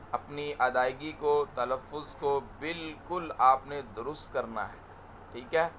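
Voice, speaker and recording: Bright-voiced man teaching recitation. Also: on the high side, a little hiss or hum. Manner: calls the student "son", slow drawn-out recitation. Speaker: Quran and prayer teacher. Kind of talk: online lesson to a student.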